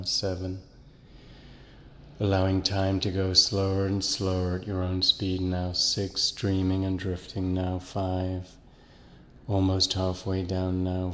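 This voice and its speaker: A man guiding a listener through a slow, soothing hypnosis relaxation, counting down and repeating calming phrases. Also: low voice, long reverb tail. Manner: slow, soothing, repetitive induction. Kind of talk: guided hypnosis relaxation script.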